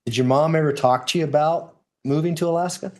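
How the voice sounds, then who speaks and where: A man's voice: on the high side, fast talker, a little mellow. Man lawyer in courtroom questioning. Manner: formal, step-by-step questions.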